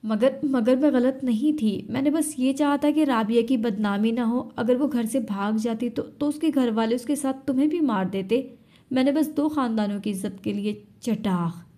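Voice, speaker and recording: A woman's voice: a little high, moderate pace, dark tone, close to an everyday voice. A woman voicing a desperate young woman who begs and defends herself in an audio story. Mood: defensive. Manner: begging, tearful.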